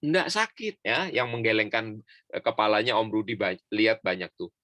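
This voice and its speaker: Lively male pastor telling kids a story. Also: fairly low pitch, normal speed, no room sound. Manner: lively storyteller, acts out voices, calls for the kids to repeat lines. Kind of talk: children's sermon over video call. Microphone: video call.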